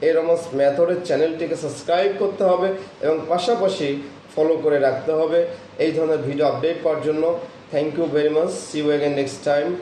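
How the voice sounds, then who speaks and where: Male pronunciation teacher, lecture style, slightly high and mellow, drawn-out example words, echoey room. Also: fairly even intonation, slight background noise. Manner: explains slowly, repeating example words with stretched stress.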